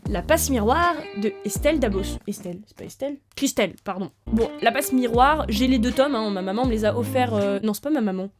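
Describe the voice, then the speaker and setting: Young woman vlogging about books, chatty and excited, lots of euh, slightly high voice, faint music behind. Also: brisk, few pauses. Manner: chatty and excitable, with many fillers. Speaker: book vlogger. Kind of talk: casual chat to camera.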